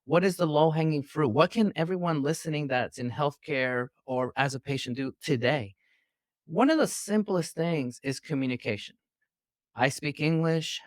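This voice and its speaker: A man with a somewhat high voice talks at normal speed, sounding studio-clean with no room sound. A physician guest from New York City, he's indoors on a video call, explaining his interview answers in an earnest, lecturing, long-winded way.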